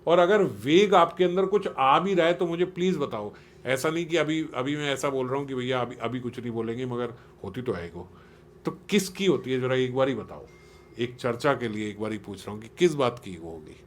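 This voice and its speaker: An earnest man leads a relaxed spiritual talk for a small group, speaking at a medium pitch. He keeps putting questions to his listeners to draw them in. A faint hiss sits under his voice. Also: brisk. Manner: questioning, quizzes listeners, acts out quotes in everyday voices; earnest and persuasive. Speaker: spiritual teacher.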